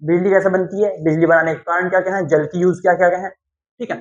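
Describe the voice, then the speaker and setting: A man's voice: high voice, fairly even intonation, fast. A male teacher from Uttar Pradesh, India, giving a classroom lecture, repeating key terms and asking and answering his own questions. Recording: dull lo-fi sound.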